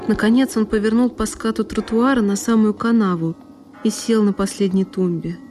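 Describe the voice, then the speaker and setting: Over background music, a solo performer delivers a theatrical, emotionally charged first-person narration of a literary drama. She keeps a steady tone at medium pitch and a moderate pace.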